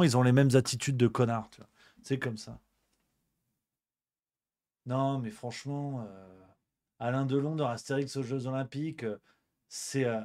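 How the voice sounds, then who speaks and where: A man's voice: mid-range voice, a little mellow, no room sound, studio quality. A male host delivering a comedic rant on a livestream show, exasperated and swearing, repeating his grumbles.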